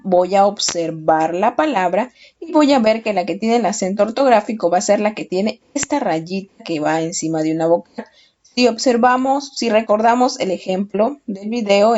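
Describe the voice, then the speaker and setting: A woman's voice: medium pitch, darkish tone, slight background noise. Patient Spanish-speaking woman teaching a class. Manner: slow, patient, asks questions and answers them. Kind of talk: children's lesson. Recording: dull lo-fi recording.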